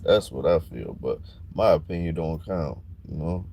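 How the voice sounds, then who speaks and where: A man talking bluntly and casually on a livestream, growing animated when he gets worked up. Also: a bass voice, moderate pace, gravelly, a little hiss or hum. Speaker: livestream host.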